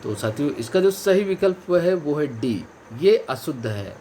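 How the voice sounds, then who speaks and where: Guy teaching an exam prep class, slightly high voice, says the right answer twice, faint hiss behind. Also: very animated, normal speed, mellow. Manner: repeats each correct answer, stressing key words; addresses viewers as friends and companions. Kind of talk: online exam-prep lesson.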